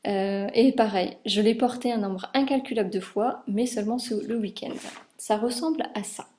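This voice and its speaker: A woman's voice: mid-range voice, moderate pace, warm tone, a little hiss or hum. A young woman from France chatting casually about garments she sewed, with many fillers as she shows the details. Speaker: sewing vlogger. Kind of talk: casual chat.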